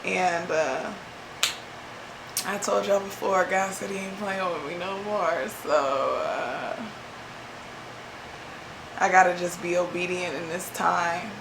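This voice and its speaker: A woman from Ohio sharing a reflective faith talk on her vlog, speaking slowly and haltingly with many pauses and fillers, emotional and near tears. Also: lowish voice, steady tone, gravelly, echoey room, noisy background. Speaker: vlogger.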